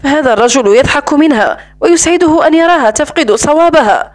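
A woman with a high voice narrates a romance novel for an audiobook. Her reading is steady and even, in a plain storytelling manner. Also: fast.

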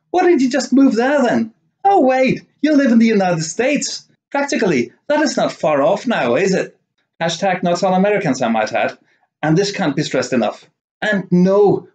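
In a small living room, a middle-aged man vlogs with rambling, wordy reviews and sarcastic, sardonic commentary. His voice is high-pitched and a little mellow.

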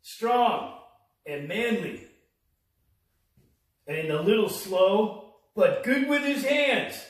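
A brawny, slow-witted builder drawling out each word, as a man puts on the voice. The pace is dragging and heavy. The room rings with echo from a distant mic. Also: high voice, expressive, full character voice. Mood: macho. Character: strong, manly, slow-witted male builder. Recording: very echoey room, mic far off.

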